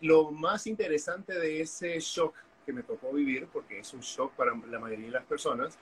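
This Honduran man, an activist guest, speaks with a fairly high, somewhat bright voice at a normal pace. The low-quality video-call recording has a little hiss or hum as he candidly recounts his story in an interview, using frequent fillers.

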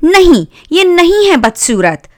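Woman voicing a little girl, high-pitched, cooing, protective, storybook sister, dry close sound. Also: unhurried, dry recording. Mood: pleading. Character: young girl, tender and protective of her doll.

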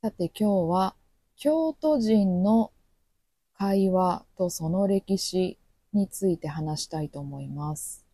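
A woman teaching Japanese with a Kansai accent, speaking slowly and clearly and acting out short quoted lines. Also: lowish voice, dark tone, dry recording. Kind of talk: podcast language lesson.

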